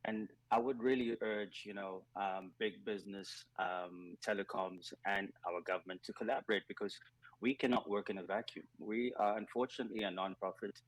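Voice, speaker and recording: A man from South Africa who leads a nonprofit program, talking in a radio interview in an earnest, measured way, with many ums and uhs. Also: fairly low pitch, steady tone, no echo, poor audio. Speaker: nonprofit digital skills program leader.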